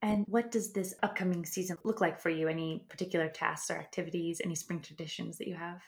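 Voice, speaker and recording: A woman hosts a gardening podcast with a fairly low voice. She sounds keen and warm toward her guest, often breaking into laughter as she asks her questions. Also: steady tone, fast. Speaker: podcast host. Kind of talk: casual interview.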